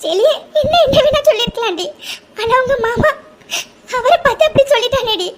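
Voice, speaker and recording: A woman's voice: expressive, normal speed, a bit bright. A woman voicing a heartbroken, devoted young woman who talks through sobs in a pleading way. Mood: tearful, wounded. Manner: sobbing, pleading, high and thin. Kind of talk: cartoon voice acting.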